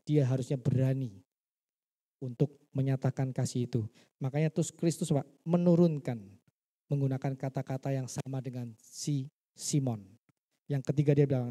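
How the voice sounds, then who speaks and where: A man's voice: mid-range voice, dark tone. A male pastor preaching a sermon in church. He teaches by asking his listeners questions and acting out the quoted dialogue.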